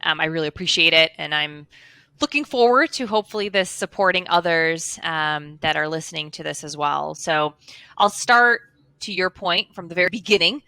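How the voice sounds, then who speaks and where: Speaking as an interview guest over a headset video call, this woman from Chicago, USA recounts her story casually from her home office with blinds, earnest and fluent, with plenty of fillers. Her voice sits low and sounds bright, forceful, clear and resonant at a moderate pace. The recording is dry.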